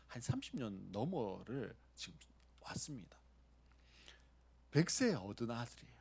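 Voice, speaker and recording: A man's voice: mid-range voice, husky. A man preaching a sermon, asking the congregation questions and acting out short lines of dialogue. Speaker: pastor.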